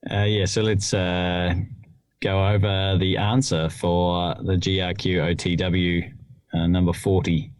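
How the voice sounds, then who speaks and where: A hesitant man from New Zealand with a low, smooth voice speaks unhurriedly with little pitch movement. He's a podcast co-host explaining rules in a casual chat, thinking aloud with many fillers. He's in a small, cold hut at home, on a dry remote call recording.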